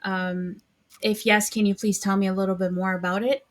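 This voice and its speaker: A woman's voice: mid-range voice, flat delivery, normal speed. Woman hosting a podcast interview. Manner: warm and encouraging, polite long questions. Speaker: podcast host. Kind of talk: interview questions.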